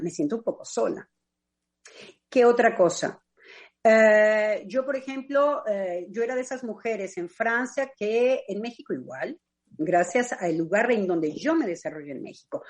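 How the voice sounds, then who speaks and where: On a radio panel, a Mexican psychoanalyst with a Mexican accent and a mid-range voice speaks in a reflective, personal way, pausing often to search for words.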